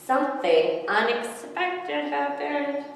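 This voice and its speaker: Here the same kind of scene: a woman in her thirties, a children's librarian, reads picture books aloud for little kids with lots of expression and offhand comments. Her voice is high, slow and gravelly. The room, set before a forest backdrop, is echoey, and the far-off mic catches faint noise.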